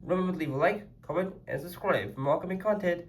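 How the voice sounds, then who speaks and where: In a casual vlog, a man with a high voice talks fast while reviewing a custom toy car. He sounds slightly congested and rambles chattily, using "like" as a filler a lot.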